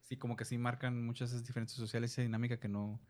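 A man's voice: mid-range voice, very fast. A man chatting casually, telling stories with lots of fillers and acting out the voices of the people he quotes. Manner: animated storyteller, acts out quoted voices; many fillers and repeated words. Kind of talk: casual conversation about a series.

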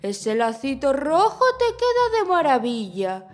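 Woman doing a sly smooth-talking cat. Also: high voice, big pitch swings, a little slow, darkish tone, faint music behind. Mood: charming. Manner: purring, smug and charming.

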